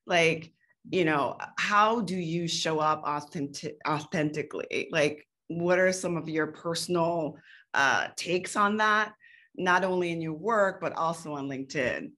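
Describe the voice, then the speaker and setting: A woman's voice: low voice, unhurried, bright, forceful tone. A woman hosting a panel conversation, putting questions to the guests in a conversational way. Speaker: panel moderator.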